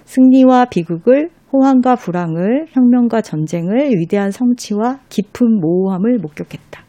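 A woman in casual conversation about books, her voice mellow and soft-edged. She reads quoted passages aloud slowly. The sound is dry and close. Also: on the high side, animated, dry recording, muffled recording. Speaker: book recommender guest.

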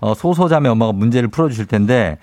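A man's voice: medium pitch, expressive, fast, darkish tone, no room sound. A man hosting a radio call-in quiz segment, bantering playfully with a caller and reading out questions.

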